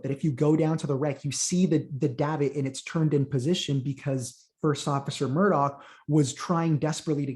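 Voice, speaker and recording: A man's voice: on the high side, a little mellow. Eager man from Honduras, Spanish his first language. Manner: eager, repeats words when starting a thought. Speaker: guest, Titanic content creator. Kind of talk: casual interview chat.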